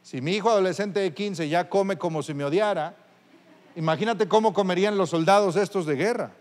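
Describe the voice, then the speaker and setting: A man's voice: sits high, brisk. A man preaching a sermon, asking his listeners direct questions in a conversational way. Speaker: pastor. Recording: long reverb of a large hall.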